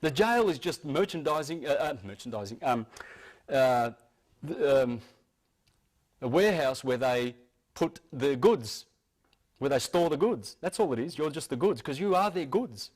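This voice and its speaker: A man's voice: on the high side, expressive, unhurried, a little mellow. A man giving an informal, earnest talk to a live audience. He often stumbles, restarts and repeats words as he explains. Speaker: speaker addressing an audience.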